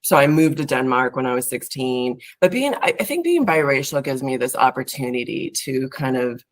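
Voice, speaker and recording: A therapist from California, appearing as a podcast guest, speaks in an extremely low voice with lively intonation and a moderate pace. Her casual interview answers are rambling and reflective, with many fillers and restarts.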